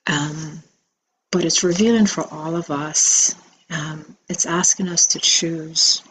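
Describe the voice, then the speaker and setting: A woman with a low voice speaks slowly and softly in a spiritual message video. She sounds reflective and pauses often with ums. A faint hiss sits under her voice. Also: vocal fry, poor audio. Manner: slow, soft-spoken, reflective with many ums. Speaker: spiritual teacher.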